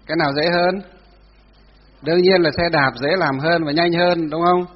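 A man teaching a class on Buddhist doctrine, dictating slowly, repeating each phrase for note-taking and asking his students questions. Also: on the high side, steady tone. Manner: asks students rhetorical questions. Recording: dull lo-fi sound with long hall reverb.

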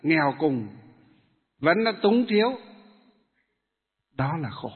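A Buddhist monk giving a dharma talk to lay followers, asking the audience questions and then answering them himself. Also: male voice, fairly high pitch, very animated, takes it slowly, slightly rough. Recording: tinny phone-like sound in a hall with long reverb.

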